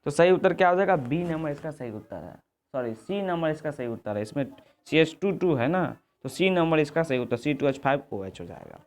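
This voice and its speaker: Exam-prep tutor, repetitive, self-correcting, mid pitch. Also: lively intonation, a little fast, a little mellow. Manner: checks in with "ठीक है" and "आगे देखिए". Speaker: teacher. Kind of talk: exam answer walkthrough lesson.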